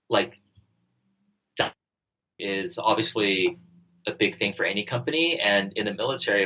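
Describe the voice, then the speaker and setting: This man's low, forceful voice belongs to a career podcast guest with an army officer past and a startup he co-founded. He gives his interview answers haltingly, thinking as he talks and saying "like" and "you know" a lot, on audio that is somewhat muffled.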